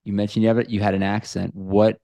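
Deep gravelly male podcast host. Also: little pitch movement, quick pace, mellow, no echo. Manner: appreciative, with some stammered restarts. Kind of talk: podcast interview.

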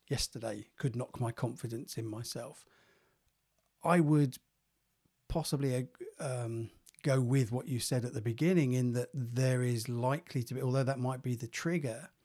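An English therapist co-hosting a casual podcast sounds slightly croaky as he gets over a cold. His warm, mid-range voice is thoughtful, marked by hesitations and repeated words.

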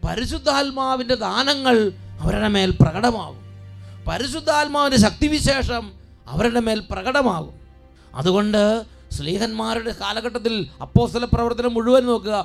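A man preaching a fervent sermon who stresses his points by repeating phrases and drawing key words out slowly. He also calls on his listeners to shout responses. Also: extremely high pitch, gravelly, faint music behind.

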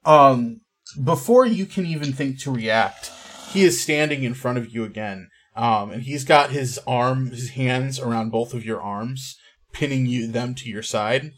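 A man narrating as game master in a tabletop game podcast, relaxed and full of ums. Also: mid-range voice, measured pace.

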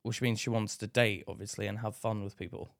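A man's voice: on the low side, level tone, a little fast, creaky, dry recording, clean studio sound. A man co-hosting a casual podcast, teasing his co-host, laughing often and reading listener emails aloud. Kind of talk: casual banter.

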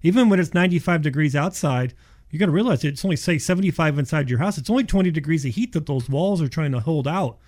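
Quick, mellow man explaining casually. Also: a little high, animated. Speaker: insulation contractor, show guest. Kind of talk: casual explanatory radio interview.

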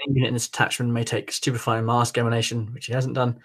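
A man co-hosting a podcast who reads out tabletop rules in a brisk, matter-of-fact way. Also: medium pitch, level tone, fairly bright tone. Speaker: podcast co-host. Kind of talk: reading out game rules in casual chat. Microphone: remote call.

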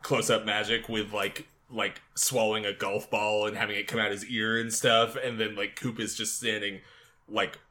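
A man co-hosting a casual TV recap podcast, animated and quick to laugh, with casual swearing. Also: on the low side. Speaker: podcast co-host.

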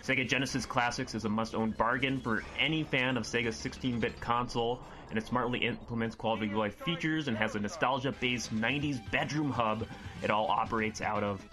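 A man's voice: mid-range voice, fairly quick, pushed and bright, soft background music. A man presenting a scripted retro games segment, enthusiastic and full of fillers, saying he is losing his voice. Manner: enthusiastic, list-heavy delivery with many fillers.

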